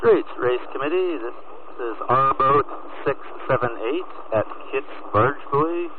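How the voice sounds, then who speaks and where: A man's voice: medium pitch, expressive, measured pace. Man calling over crackly two-way radio. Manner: repeats call signs in a clipped formal way. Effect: crackly two-way radio transmission. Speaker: boat crew member calling on radio. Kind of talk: marine radio procedure. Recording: crackly narrow-band radio with static.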